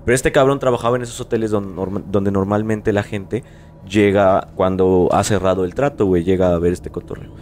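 A man's voice: sits low, steady tone, brisk, darkish tone, slight background noise. A man co-hosting a podcast, telling a story with playful jokes and slang. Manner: playful, joking euphemisms, slangy. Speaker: podcast co-host. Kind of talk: casual storytelling chat.

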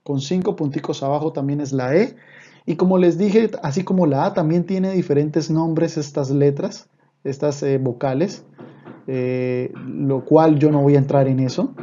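Male online language teacher, patient and repetitive, deep warm timbre, slightly dull lo-fi recording. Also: measured pace. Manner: patient, repeats points, often checks in with listeners. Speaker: Hebrew teacher.

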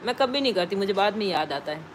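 A woman's voice: mid-range voice, lively intonation, quick pace, a little hiss or hum. A woman chatting casually on a live stream, greeting viewers and reading their names aloud from the comments.

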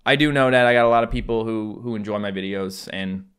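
A gaming YouTuber in his twenties from Newfoundland, Canada, chats casually to camera with a Newfoundland accent, sounding hesitant and self-deprecating. His voice is fairly low, fast, fairly bright, clear and resonant. He records indoors in a small home room lined with acoustic foam.

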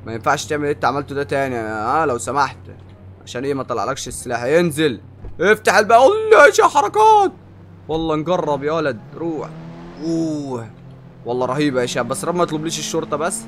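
A young man with an Egyptian Arabic accent doing excitable gameplay commentary, often shouting and drawling in amazement. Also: a little high, very fast, slight background noise. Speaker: gaming YouTuber.

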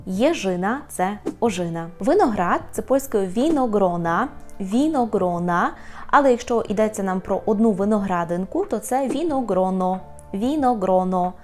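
Жінка-викладачка польської мови, яка пояснює слова й повільно, чітко повторює кожне кілька разів. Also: female voice, medium pitch, animated, a little mellow, faint music behind. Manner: repeats each word slowly and clearly. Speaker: Polish language teacher. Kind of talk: vocabulary lesson with repetition.

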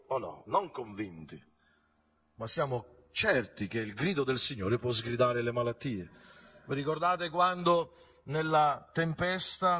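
A man preaching a fervent church sermon in a middle-pitched voice. He swells from quiet, drawn-out phrases to loud, high, ringing calls and back again. He keeps turning to the congregation with rhetorical questions. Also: a little hiss or hum. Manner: fervent preaching with big swings in loudness and pitch. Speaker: pastor. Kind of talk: Pentecostal sermon. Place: church service.

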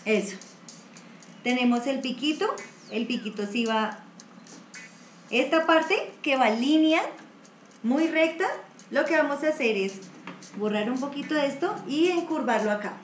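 A woman's voice: high-pitched, lively intonation, unhurried, long pauses, echoey room, slight background noise. A woman with a Colombian accent teaching a live online watercolor class, chatty and encouraging, full of diminutives. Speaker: painting teacher. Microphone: computer mic on a video stream.

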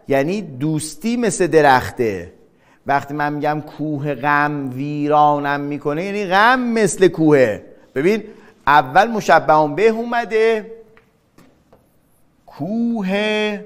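A man teaching a lesson, asking and answering his own questions and drawing key terms out slowly, word by word. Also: a little high. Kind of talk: classroom lecture.

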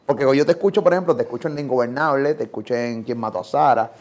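A man's voice: mid-range voice, racing. Puerto Rican man, blunt interviewer. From Puerto Rico. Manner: blunt, swears freely. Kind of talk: casual interview.

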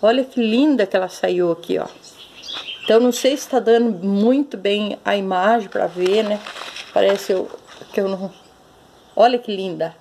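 A woman with a mid-range voice and a gravelly, creaky edge talks chattily to her audience in a casual vlog. She keeps calling out to viewers with fond exclamations. A faint noise sits under the recording. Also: medium pitch, moderate pace, mellow. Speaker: orchid-growing vlogger. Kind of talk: casual show-and-tell vlog.

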